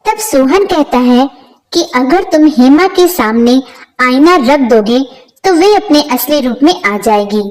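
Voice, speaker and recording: A woman narrating a scripted storybook tale in a steady, plain way. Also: sits high, rough recording.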